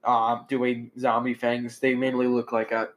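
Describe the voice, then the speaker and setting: A man improvising casually as game master of a tabletop game, halting and jokey as he narrates. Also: mid-range voice, completely flat delivery, noisy background.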